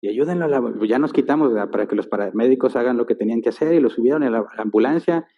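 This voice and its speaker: Rapid-fire and medium-pitched, a male preacher dramatizes a story in his sermon, doing the sounds and voices as he goes. The church hall adds plenty of reverb, and the sound quality is tinny.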